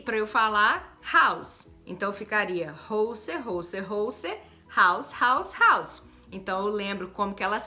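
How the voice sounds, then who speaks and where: A Brazilian woman teaching English in a chatty, lively video lesson, often adding quick tag questions. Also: a little high. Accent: Brazilian Portuguese.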